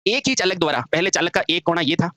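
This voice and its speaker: Rapid-fire male teacher quizzing students. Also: high-pitched, lively intonation, sharp tone, no echo. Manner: constantly asks rhetorical questions, calls students "beta". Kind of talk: classroom-style lecture.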